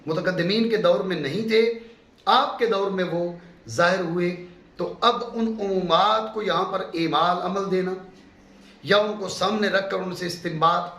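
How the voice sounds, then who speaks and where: This mufti, a middle-aged man from Pakistan, teaches his course in a voice that's a little high and a bit bright. His classroom lecture is emphatic, with key terms repeated and frequent check-ins with students. Echo and a faint background hum fill the room.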